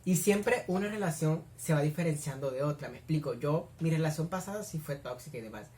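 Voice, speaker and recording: A woman's voice: low voice, lively intonation, fairly quick, warm tone. A young woman with a Colombian accent doing casual reaction commentary at home, gushing and squealing as she watches. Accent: Colombian Spanish. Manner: effusive, squeals and gushes. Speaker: reaction video host. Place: home room.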